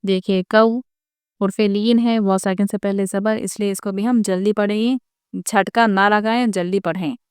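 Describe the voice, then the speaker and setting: A woman's voice: medium pitch, fairly even intonation, normal speed, a little mellow, smooth, no echo, clean studio sound. A woman teaching Quran reading rules step by step, patiently explaining each rule and asking her viewers rhetorical questions. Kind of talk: step-by-step recitation lesson.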